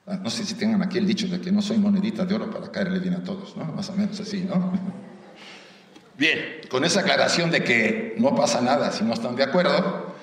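Mexican man lecturing in an echoing hall. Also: medium pitch. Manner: conversational, often asks the audience rhetorical questions; light humor mixed into the teaching. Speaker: lecturer at a theosophical society. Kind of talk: spiritual lecture to a live audience. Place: lecture room with an audience. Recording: roomy hall echo, voice from far off.

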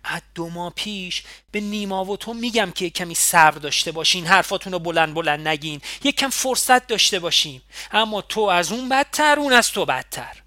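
A man's voice: high voice, dry recording, clean studio sound, voice pushed up. A man voicing a cool, sardonic young man. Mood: reproachful. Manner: cool and reproachful, building to sharp lecturing. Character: calm, sardonic young man, scolding comrade.

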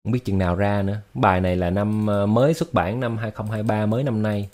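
A man's voice: fairly low pitch, steady tone, brisk, darkish tone. A man hosting a casual livestream, talking to his viewers in an explanatory way, with lots of fillers and repeated words. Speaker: livestream host.

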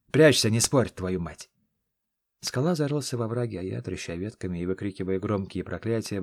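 A man reading scripted first-person fantasy narration in a steady, measured storytelling manner. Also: fairly low pitch, no room sound. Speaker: audiobook narrator.

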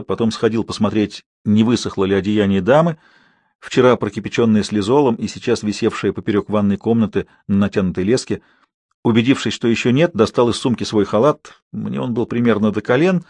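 A male audiobook narrator reads a novel in a calm, unhurried voice with a touch of irony. His pitch sits in the middle of the range. The recording is close and dry, with no room sound. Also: no echo. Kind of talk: scripted narration.

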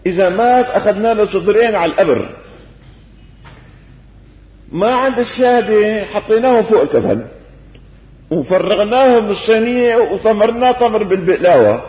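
An older man with a Damascene Syrian accent teaching a colloquial Quran lesson, folksy and lively, throwing out rhetorical questions with gentle humor. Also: sits high, brisk, long pauses. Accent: Syrian Arabic, Damascene. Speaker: sheikh giving Quran commentary. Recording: echoey hall, dull lo-fi old tape.

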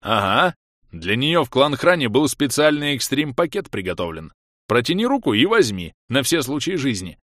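A man voicing a rough, brash young male friend who talks in blunt slang, in an audiobook reading. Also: medium pitch, very animated, moderate pace, fairly bright tone, no echo, clean studio sound, voice pushed up. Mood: boastful.

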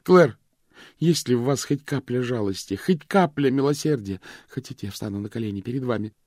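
A man's voice: medium pitch, brisk, gravelly, a little mellow, breathy edge, no room sound, pitched above the performer's own voice. A male reader voicing a desperate young woman who pleads breathlessly in a dry, close recording. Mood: pleading.

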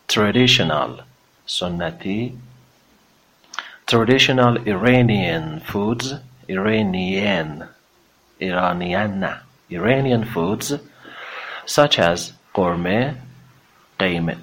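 A man teaching English, saying each phrase slowly and carefully before explaining it. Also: fairly low pitch, fairly bright tone, slightly rough, low-quality recording. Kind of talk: language lesson, slow modeled English phrases with Persian explanation.

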